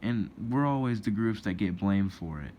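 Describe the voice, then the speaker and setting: Young male vlogger, indignant rambling rant, fairly low voice, faint hiss behind. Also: expressive, moderate pace, mellow. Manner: rambling and indignant, many restarts. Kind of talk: casual opinion rant to camera. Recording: dull lo-fi with faint noise.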